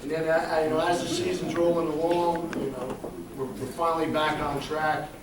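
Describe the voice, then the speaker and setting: A middle-aged man speaks as a coach at a banquet, his voice heartfelt and a little high. He tells stories with casual asides from well back from the mic. His words carry through a very echoey hall over a loud, laughing crowd. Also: level tone, moderate pace, recorded from a distance, noisy background. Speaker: high school football coach. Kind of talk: banquet speech. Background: audience laughing and cheering.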